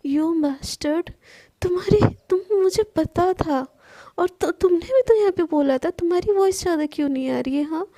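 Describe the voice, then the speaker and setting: A fiery, protective young woman in love who stumbles over her words when upset, played by a woman storyteller. The voice sits high with a gravelly edge and a mellow tone. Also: little pitch movement, unhurried, exaggerated voice. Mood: agitated. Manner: frantic, stammering when upset.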